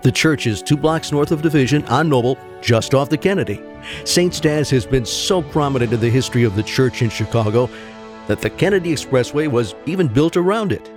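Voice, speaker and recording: A man announcing a scripted radio ad in a smooth, measured read. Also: medium pitch, expressive. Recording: music bed behind.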